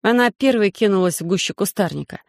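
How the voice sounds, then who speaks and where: Measured audiobook narrator, dry and close. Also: medium pitch, gravelly, dry recording. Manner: steady, measured storytelling. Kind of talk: scripted narration.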